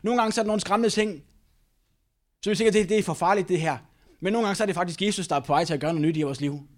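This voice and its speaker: A man with a fairly high voice delivers a sermon in an engaging storytelling manner. He often repeats phrases and checks in with little tag questions. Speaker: preacher.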